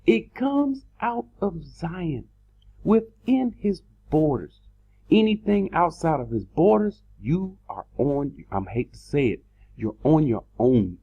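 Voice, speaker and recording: A man's voice: fairly high pitch, very animated, slow, breathy edge. A man preaching in a sermon style, stressing words by stretching them out and repeating phrases. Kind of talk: sermon-style scripture teaching. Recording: dull lo-fi recording.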